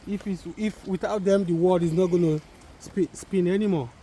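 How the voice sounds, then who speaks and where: A man, a father, chatting calmly in a family vlog outdoors, gently disagreeing. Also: high voice, low-quality recording. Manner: calm, measured, gently disagreeing. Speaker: father, co-host. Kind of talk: casual family vlog chat. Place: outdoors in the countryside.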